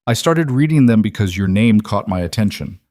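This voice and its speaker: A man's voice: lowish voice, lively intonation, a little fast, a little mellow, no room sound, studio quality, natural voice. A man doing a tense young mafia boss. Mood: strained. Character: young mafia boss husband, controlled and guarded.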